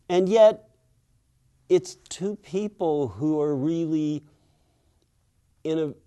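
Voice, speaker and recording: An older Western Pennsylvania author talks in a clear, resonant, warm mid-range voice. Thoughtful and unhurried, he relates reflective stories in an interview, voicing the people he quotes.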